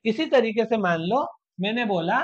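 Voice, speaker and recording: A teacher giving an exam-prep grammar lecture at a middle pitch, captured in a dull, lo-fi online class recording. They patiently repeat each point and answer their own rhetorical questions. Key English definitions come out slowly and deliberately. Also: lively intonation. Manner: slows to stress English definitions.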